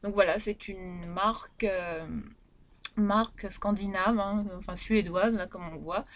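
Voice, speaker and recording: A woman from Réunion talks through her used-up beauty products in an easygoing vlog. She speaks at a slow, unhurried pace and keeps stopping to search for her words. She often restarts her sentences and fills the gaps with small hesitations. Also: medium pitch, fairly even intonation. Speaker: beauty vlogger. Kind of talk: casual product review.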